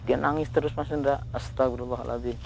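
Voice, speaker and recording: A man hosting a ghost-hunting video, talking in a hushed voice outdoors at night, often murmuring prayers and speaking to his companion. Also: mid-range voice, level tone, quick pace, vocal fry, a little hiss or hum. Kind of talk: hushed on-the-spot narration. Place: outdoors at night near a ravine.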